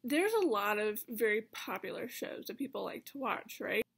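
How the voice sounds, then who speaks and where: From her carpeted bedroom at home, an American vlogger in her twenties rambles in a self-mocking way, her words slightly slurred by the retainers she's wearing. Her voice is medium-pitched, sing-song, creaky, husky, and fairly bright, at a moderate pace.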